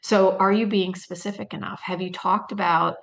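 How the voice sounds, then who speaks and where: A woman's voice: medium pitch, steady tone, moderate pace, creaky. A woman presenting a training webinar in a loose, conversational way, thinking aloud with frequent fillers and rhetorical questions. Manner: storytelling, with quoted lines in a lifted voice.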